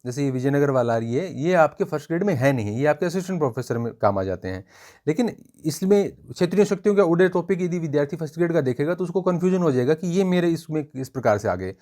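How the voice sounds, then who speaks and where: An exam-prep book reviewer talks in a fairly high, slightly mellow voice. His review is informal and educational, explained point by point, with a lot of repetition.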